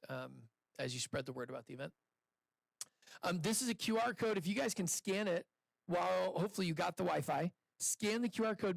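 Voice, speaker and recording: An event host and investor, upbeat and chatty with loose restarts, speaks through a handheld microphone to a seated audience in an indoor event room. His voice is on the high side and gravelly, captured in a low-quality recording with no room sound.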